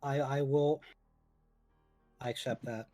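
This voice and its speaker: Young man on a voice call, hesitant and halting, with a mellow, dry sound. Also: medium pitch, fairly even intonation, dry recording, soft background music. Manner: halting, hesitant, repeats words. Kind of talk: online group voice call.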